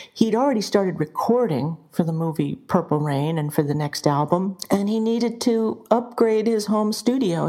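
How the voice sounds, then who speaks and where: A woman in her sixties, an audio technician, telling her career story in an interview. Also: medium pitch. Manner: lively, vivid storyteller.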